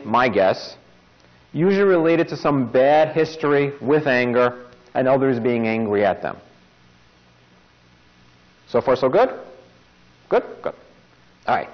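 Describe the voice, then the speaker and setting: A man giving an informal self-help talk as a podcast host. He mixes wry, jokey asides into his explanations. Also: medium pitch. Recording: dull lo-fi recording.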